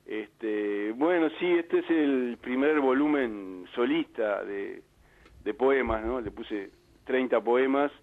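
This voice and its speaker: Uruguayan poet on a tinny phone line. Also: male voice, mid-range voice, slow. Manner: modest, hesitant.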